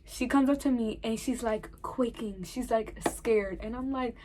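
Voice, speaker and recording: A young woman telling a storytime vlog in an animated way, acting out the dialogue. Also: on the high side, a little slow, background noise. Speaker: vlogger.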